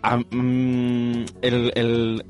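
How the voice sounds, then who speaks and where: A man's voice: mid-range voice, completely flat delivery, extremely slow, a little mellow, soft background music. A man co-hosting a radio film show in a studio, chatting casually with dry wisecracks. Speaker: radio co-host. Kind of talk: casual chat.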